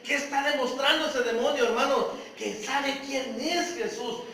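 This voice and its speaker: A man delivers an earnest sermon in a strikingly high voice, often pausing to ask the congregation questions. He sits at a distance from the microphone. His voice rings through a very reverberant church hall over a faint hiss of background noise. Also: sharp tone. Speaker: preacher. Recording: echoey church hall, mic far off.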